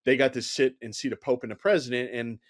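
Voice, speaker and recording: A man's voice: medium pitch, fast talker. A middle-aged man, a former Secret Service agent, telling stories as a guest in a conversational interview, leaning on "you know" and acting out the dialogue. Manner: animated anecdotal telling, heavy use of "you know", acts out quoted dialogue.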